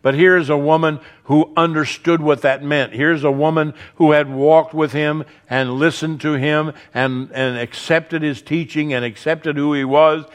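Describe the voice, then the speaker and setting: A man preaching a sermon, earnest, building emphasis through repetition and dropping softly on key words. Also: on the high side, steady tone, unhurried, hardly any pauses.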